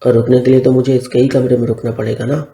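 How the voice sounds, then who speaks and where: A man's voice: mid-range voice, flat delivery, fast, dark tone, lightly acted. A man doing a sly teasing young friend. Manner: teasing, complaining playfully. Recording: roomy echo.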